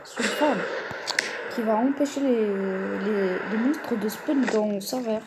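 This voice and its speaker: A woman's voice: fairly high pitch, measured pace. A woman giving a casual, hesitant walkthrough of her game build, explaining each step to her viewers. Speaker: gamer showing a build. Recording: noisy home recording with clicks.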